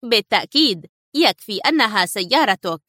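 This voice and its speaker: A woman reading a storybook who voices a calm, level-headed male agent explaining things in a measured way. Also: mid-range voice, no echo, clean studio sound.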